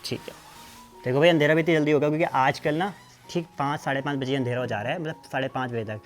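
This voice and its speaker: Young man, hill vlogger, quick chatty talk, outdoors, light music behind. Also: a little high. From Uttarakhand hills, India. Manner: chatty, quick, speaks to viewers directly. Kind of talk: casual village vlog talk to camera. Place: outdoors at a hill village home.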